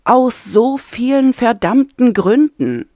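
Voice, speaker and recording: A woman voicing a desperate young male prisoner, speaking in a low urgent murmur. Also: animated, slow, warm tone, no room sound, clean studio sound. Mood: urgent, brooding.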